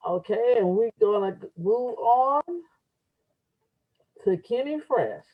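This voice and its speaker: A woman's voice: fairly high pitch, expressive, slow pace. A woman hosting an open mic with casual introductions, sometimes stumbling over words she reads out and repeating them. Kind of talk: casual live event introductions. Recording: dull lo-fi live event audio.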